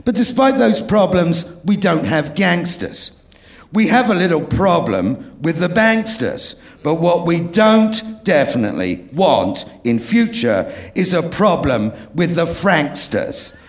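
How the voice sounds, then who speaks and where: A man's voice: a little high, very animated, slow. A man giving impassioned public testimony at a hearing, punchy and playing with words.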